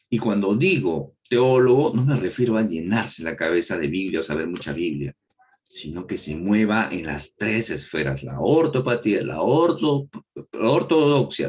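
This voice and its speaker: Man, Bible teacher, recorded lesson, very lively pitch, rhetorical questions, repeats himself for emphasis. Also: moderate pace. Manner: asks rhetorical questions and answers them himself; repeats key phrases for emphasis.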